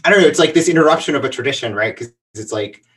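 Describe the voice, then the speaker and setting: A man's voice: mid-range voice, expressive, rapid-fire, a bit bright, distant mic. A man in his thirties from the El Paso and Juarez border region, telling a childhood story in a casual interview, rambling with many fillers. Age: 30s. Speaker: guest.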